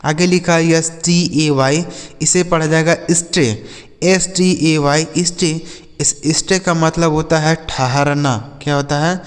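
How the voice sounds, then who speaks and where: Slow, patient male Hindi teacher. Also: a little high, fairly even intonation, long reverb tail. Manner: spells words letter by letter and repeats each example twice; addresses viewers as children. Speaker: English teacher. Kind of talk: slow spelling-and-translation lesson for children.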